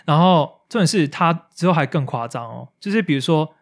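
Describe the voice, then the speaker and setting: A man's voice: fairly high pitch, lively intonation, brisk. A man co-hosting a podcast, telling a story in casual chat and acting out quotes with English slang. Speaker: podcast co-host.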